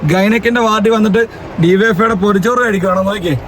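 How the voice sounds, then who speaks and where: A man vlogs casually in a fairly high voice at a very quick pace. He, mixes in English words and repeats himself excitedly. It is a noisy recording from in and around a car. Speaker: family vlogger, host. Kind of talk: casual vlog chat to camera. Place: in and beside a parked car in rain. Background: vehicle and urban outdoor noise.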